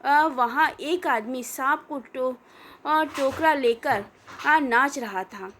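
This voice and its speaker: A woman reading a comic children's story aloud in an unhurried way, with many hesitations. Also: high-pitched, fairly bright tone, a little hiss or hum.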